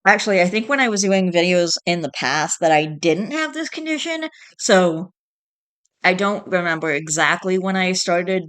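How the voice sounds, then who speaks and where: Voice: mid-range voice, very animated, moderate pace, a bit bright, clear, resonant tone. A host with a stuffed-up nasal voice who reads online posts aloud in a casual, rambling way, with sighs and self-corrections along the way. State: congested, stuffed-up nose.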